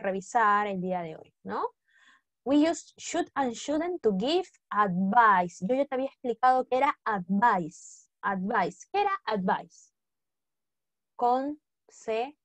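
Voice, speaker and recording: A woman's voice: medium pitch, no echo. A woman teaching an English lesson, coaxing students with constant questions and repetition. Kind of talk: classroom lesson explanation.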